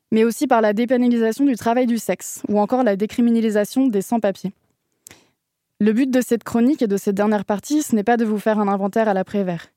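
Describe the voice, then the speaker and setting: A woman with a higher, mellow voice reads her activist radio column in a steady, earnest way. The sound is dry and close. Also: dry recording.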